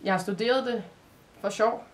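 A woman voicing a gentle, sad male creature who talks softly and patiently, as if explaining to a child. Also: mid-range voice, slight background noise, lightly acted. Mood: hushed. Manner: patient, explaining, soft-spoken.

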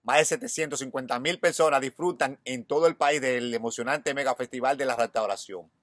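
A man's voice: medium pitch, fairly quick, fairly bright tone, no room sound, studio quality. A man in his thirties with a Dominican accent, hosting a news show outdoors, reading headlines and then giving his own opinion. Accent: Dominican Spanish. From Dominican Republic. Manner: reads headlines, then adds personal opinion. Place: outdoors in front of a hedge.

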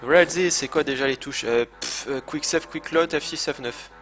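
A man's voice: on the high side, normal speed, a bit bright, faint music behind. A man streaming a video game live, talking casually and hesitantly, swearing and poking fun at himself. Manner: chatty, hesitant, swears, self-mocking. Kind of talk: casual live gameplay commentary. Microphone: desk microphone, speakers playing game sound.

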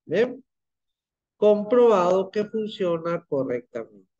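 Male instructor, patient, fairly high voice, dull online-class audio. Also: sing-song, slow pace, a little mellow. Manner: patient, checks in with "¿ya?" and "¿ven?". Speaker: teacher. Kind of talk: live online class, screen-share demo.

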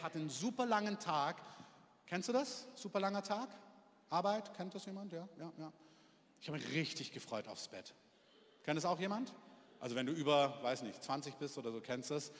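A man's voice: fairly high pitch, brisk, fairly bright tone. A man preaching in a casual, storytelling way, often asking the congregation questions. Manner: conversational storytelling, asks audience questions. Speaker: pastor. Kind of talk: sermon. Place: church hall. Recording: long hall reverb.

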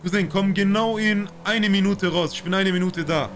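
A man's voice: high voice, steady tone, normal speed, a bit bright, a little hiss or hum. Brash slangy man streaming a role-play.

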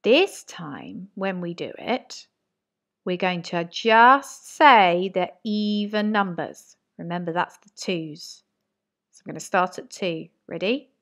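A woman teaching a maths lesson to young children, talking slowly and encouragingly in a sing-song way. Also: lowish voice, lively intonation, a bit bright. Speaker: reception teacher.

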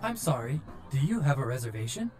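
A man's voice: medium pitch, big pitch swings, fairly quick, a little mellow, faint music behind, pitched above the performer's own voice, close to an everyday voice. A man voicing a polite, formal android gate guard with stiff, robotic phrasing in an audiobook. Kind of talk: audiobook character voice.

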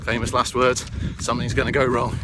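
A British man in his thirties giving a casual video diary outdoors, talking loudly over the wind into a handheld phone while on the move. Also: medium pitch, completely flat delivery, fairly quick. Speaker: ultra runner vlogging a race. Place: outdoors on open coastal path. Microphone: phone at arm's length.

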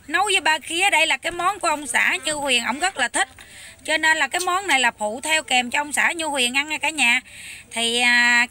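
A young woman with a Southern Vietnamese Mekong Delta accent, chatting loudly and eagerly to viewers while she cooks in a rural hut kitchen. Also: high-pitched. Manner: loud, chatty, enthusiastic, talks over noisy kids. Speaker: cooking vlogger. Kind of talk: casual cooking vlog chat.

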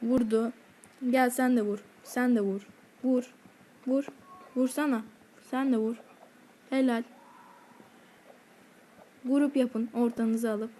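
High-voiced woman narrating her gameplay. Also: fairly even intonation, slow pace, long pauses, dark tone. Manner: heated, swears at enemies while playing. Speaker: gaming channel host. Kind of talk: gameplay commentary.

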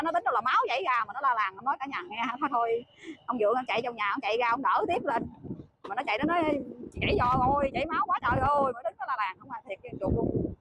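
A woman with a Southern Vietnamese accent, a vlogger mother chatting casually to her viewers as she rides a motorbike on a dark country road at night. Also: sits high. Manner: chatty, keeps addressing viewers as family. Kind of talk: casual vlog narration to viewers. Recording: noisy outdoor road recording.

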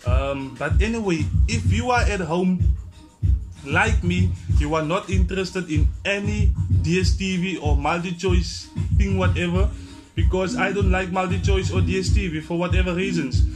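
A man's voice: sits high, normal speed. A man in his twenties with an Afrikaans-tinged South African accent, chatting casually to camera as a blunt, slangy vlogger. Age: 20s. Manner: blunt, slangy, mildly sweary. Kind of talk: casual tutorial chat to camera. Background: music.

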